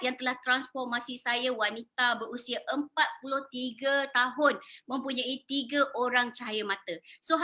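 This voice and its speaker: Woman, 40s, Malaysian accent, high voice, persuasive sales talk. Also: sharp tone. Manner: persuasive, asks the audience questions, mixes in English words. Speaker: beauty salon owner and sales speaker. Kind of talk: sales presentation.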